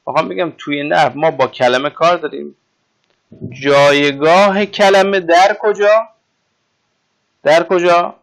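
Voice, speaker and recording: A man's voice: mid-range voice, vocal fry, a bit bright. A man teaching Arabic grammar in an informal classroom lecture. He explains with everyday examples and keeps checking that his listeners follow.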